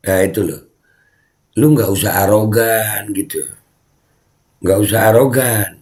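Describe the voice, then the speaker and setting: A man's voice: on the low side, unhurried, a little mellow. A man giving casual video commentary, scolding and repeating his points. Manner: scolding, repetitive, chatty. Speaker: online commentator.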